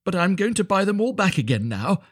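A humble, naive little gardener from a storybook acted out by a man. The voice is pitched high and very lively, eager and grateful, with some sheepish hesitance. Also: brisk, husky, heavily acted. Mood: sheepish, hopeful. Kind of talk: storybook character voice.

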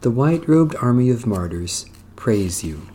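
A man leading worship as clergy, reading prayers and scripture in a solemn, measured, declamatory way. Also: mid-range voice, very animated, mellow, slightly rough.

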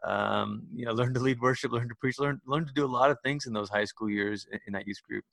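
A Malaysian church leader speaks casually and reflectively as an interview guest on a video call, often adding "you know". His mid-range voice is fairly quick, creaky and a bit bright, with no room sound.

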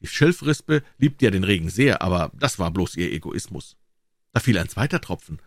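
A man reading a fairy tale aloud as scripted storybook narration, expressive and theatrical. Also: deep voice, moderate pace, no echo, studio quality. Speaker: audiobook reader.

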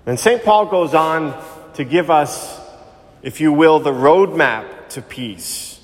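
A man speaking as a priest at Mass, reading scripture and preaching in a solemn, measured way with deliberate phrasing, in a cathedral-like echo. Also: a little high, lively intonation. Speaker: priest giving Gospel reading and homily. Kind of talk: liturgical scripture reading and sermon. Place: large reverberant church. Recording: long cathedral-like echo of church hall.

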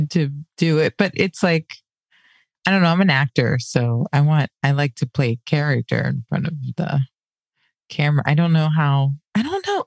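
A woman co-hosting a casual chat in an expressive, informal and slangy way. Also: low-pitched, dry recording. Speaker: podcast co-host, actor.

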